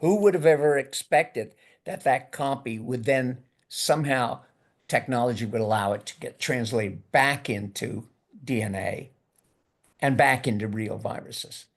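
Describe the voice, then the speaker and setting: A medium-pitched older man delivers a university lecture with discussion at a slightly slow pace. He talks loosely and conversationally, repeating words as he works through his thoughts.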